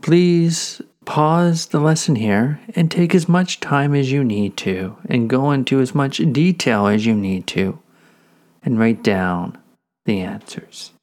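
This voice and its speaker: A man leading a guided meditation as a teacher, giving gentle, soothing, unhurried instructions. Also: mid-range voice.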